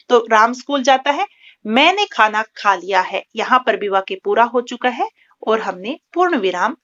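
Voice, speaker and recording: A woman's voice: on the high side, a bit bright, dull audio. A woman teaching a grammar lesson to students. She explains step by step, repeats key terms and often checks in with the class.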